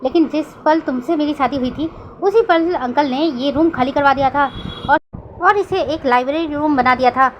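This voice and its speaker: A woman voicing a calm young mafia husband who answers in a fond, gently teasing way in a storybook reading. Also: sits high, normal speed, dull audio, slight background noise, lightly acted. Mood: explaining.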